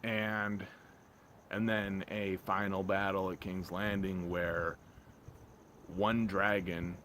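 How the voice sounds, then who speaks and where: A man giving a casual, off-the-cuff rant, rambling and repeating himself in halting phrases, blunt and full of swearing. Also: low voice, little pitch movement, a bit bright. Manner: rambling, repetitive, halting, often trailing off mid-phrase; blunt, profane, exasperated. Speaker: vlogger reviewing a TV episode. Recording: clear background ambient noise.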